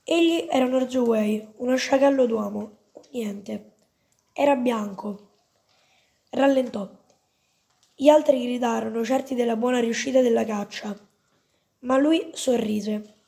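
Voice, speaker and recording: A woman reading a story aloud in an even, measured way. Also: on the high side, gravelly. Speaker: reader.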